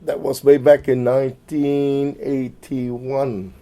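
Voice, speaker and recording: This middle-aged man from Malaysia, recorded for an oral history, talks slowly in a mid-range voice with a level tone. His speech is full of fillers and false starts, and he trails off softly as each phrase ends.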